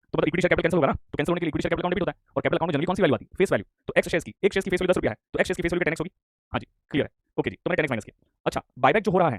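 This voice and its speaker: A hoarse male teacher giving an online lecture, scolding and quizzing his students and repeating himself. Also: fairly high pitch, no echo. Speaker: commerce teacher.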